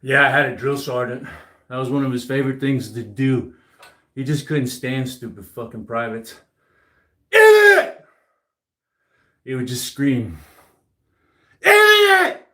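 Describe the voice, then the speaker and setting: A man's voice: mid-range voice, moderate pace, fairly bright tone. A man talking casually while he works out at home, cursing often and boasting bluntly. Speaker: fitness livestreamer. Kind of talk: casual workout chat. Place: home gym. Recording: roomy echo.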